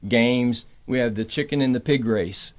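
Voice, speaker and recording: A man's voice: mid-range voice, normal speed. A mature man talking casually as an interview guest, folksy, easygoing and a little rambling. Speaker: interview guest, entertainer promoting a comedy tour. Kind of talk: casual chat. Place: radio studio.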